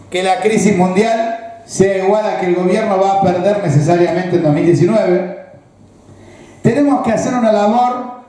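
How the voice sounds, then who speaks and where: A man with a Rioplatense Argentine accent lays out a political analysis as a speech, pausing to ask whether his listeners follow. His voice sits high but with a mellow, dark tone. The recording is heavily echoey and roomy. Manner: explanatory, asks the audience rhetorical check-in questions. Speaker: political speaker.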